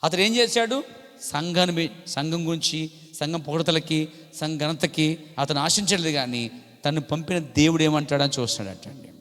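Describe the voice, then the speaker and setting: Pastor with a Coastal Andhra Telugu accent, bright and forceful preaching, reverb of a big church hall. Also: male voice, a little high, normal speed. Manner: preaching fervently, swelling louder on key phrases; polite "andi" tags throughout. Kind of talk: sermon.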